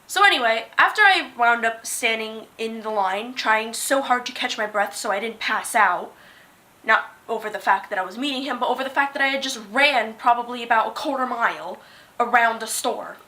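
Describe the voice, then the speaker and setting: Young woman vlogger, late teens: high, bright voice, animated and dramatic storytelling. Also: moderate pace. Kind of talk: story time vlog.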